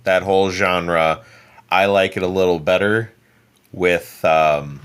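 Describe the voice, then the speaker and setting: A man appearing as a guest on a podcast, talking casually in a halting way and repeating words. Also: sits low, steady tone, clear, resonant tone.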